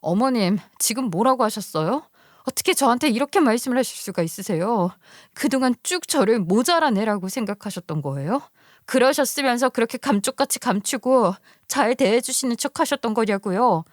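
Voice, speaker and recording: A woman's voice: a little high, animated, brisk, no echo, studio quality, close to an everyday voice. A woman voicing a grieving young married daughter who protests against her in-laws, shocked and emphatic, in a story radio drama. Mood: hurt.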